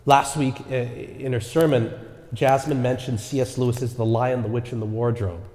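Here the preacher has a mid-range, slightly mellow voice with a steady tone and normal pace. Earnest throughout, he frequently asks the congregation a rhetorical "right?", and his sermon echoes through the sanctuary with a long reverb.

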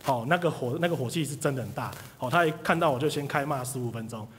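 A man, telling an audience a lively story about his sales career and acting out the people in it. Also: medium pitch, quick pace, a little hiss or hum. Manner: animated storyteller, acts out quoted people. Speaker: speaker sharing career story. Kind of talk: live motivational talk to an audience. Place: hall with audience. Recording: reverberant hall.

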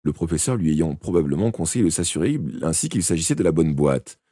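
A man narrating a detective audiobook live, expressive and now and then stumbling and correcting himself. His voice is low and husky, with a lively, rising and falling delivery. The sound is dry and close to the mic. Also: quick pace, no room sound. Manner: expressive first-person narration with occasional slips and self-corrections. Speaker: audiobook reader. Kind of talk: live unedited audiobook reading.

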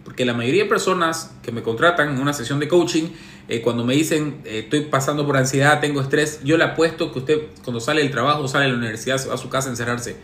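A man's voice: medium pitch, quick pace, a bit bright, roomy sound, a little hiss or hum. A relationship coach, a man, reads viewer messages and answers them with sarcastic, teasing advice in a casual monologue.

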